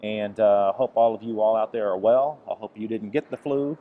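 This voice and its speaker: Still getting over the flu, this golf instructor sounds lower than he normally would as he teaches over swing footage at a normal speed. The audio has a phone-like quality, and he frequently restarts sentences and repeats "okay."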